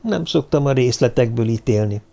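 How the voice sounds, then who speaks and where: Man playing a halting, flustered man. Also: mid-range voice, animated, creaky, dark tone. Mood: hesitant. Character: hesitant man, flustered companion.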